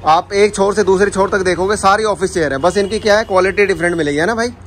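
A man's voice: high-pitched, fast. A young man vlogging from a furniture showroom, casually chatting with the staff and repeating prices back. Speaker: vlogger touring a furniture shop. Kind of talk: casual chat with shop staff. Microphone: handheld camera. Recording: noisy showroom audio.

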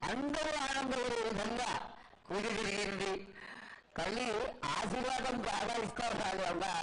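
A man respectfully entreating an oracle at a temple ceremony. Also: sits high. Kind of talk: devotional pleading to an oracle. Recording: echoey, very noisy live festival broadcast.

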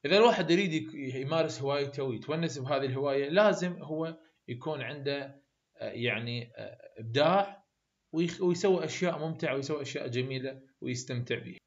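Fast-talking Iraqi Arabic male teacher. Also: mid-range voice, muffled recording. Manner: explains by asking and answering his own questions. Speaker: English teacher. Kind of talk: exam-solution lesson.

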